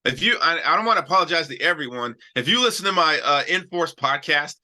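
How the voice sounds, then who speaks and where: A stock trading show host with a very bright, sharp-edged voice talks through charts on a live stream in a loose, chatty way despite a cold. He speaks quickly and expressively at a fairly high pitch, full of restarts and recurring "all right"s.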